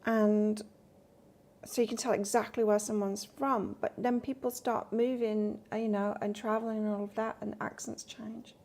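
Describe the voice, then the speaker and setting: Her voice is creaky and somewhat dark, medium in pitch, level in tone, and delivered at a normal speed. She's a tarot reader from the north of England whose accent mixes northern English with Australian. On a relaxed live stream, she rambles chattily and talks to her viewers between cards.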